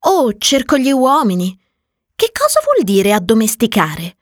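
A woman's voice: fairly high pitch, huge pitch swings, unhurried, no room sound, studio quality, pitched above the performer's own voice, heavily acted. A woman voicing a curious, earnest little boy prince in a storybook reading, asking eager, wondering questions.

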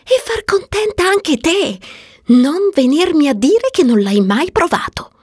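A woman voicing a shy, excitable woman who gushes her secrets in a breathy, high voice in an audiobook. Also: a little slow, no room sound, clean studio sound, full character voice. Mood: gushing. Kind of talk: audiobook character voice.

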